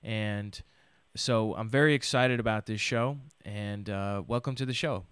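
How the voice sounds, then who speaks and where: Lowish-voiced male host, dry sound. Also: unhurried, a bit bright, smooth, no echo. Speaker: radio show host. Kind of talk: conversational interviewing.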